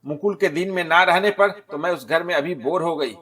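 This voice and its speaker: A restless young newlywed woman, as a man does her speaks in a chatty, offhand, complaining way. Her voice sits noticeably higher and a bit louder than the storyteller's own. She is a figure in a spoken storybook. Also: brisk. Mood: thoughtful. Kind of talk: storybook narration.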